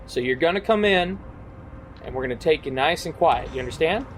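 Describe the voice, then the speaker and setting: A man's voice: a little high, lively intonation, brisk, soft background music, pitched above the performer's own voice, natural voice. A man voicing a stern, folksy woman queen of a desert town, with a casual drawl. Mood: warning. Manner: drawling, casual, talks down to outsiders.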